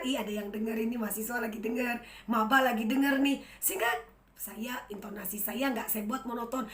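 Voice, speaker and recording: A woman in her thirties, a university lecturer, giving a chatty, lively lecture straight to the camera in an empty room. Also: high-pitched, roomy sound. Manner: lively, chatty, addresses students directly. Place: room without an audience.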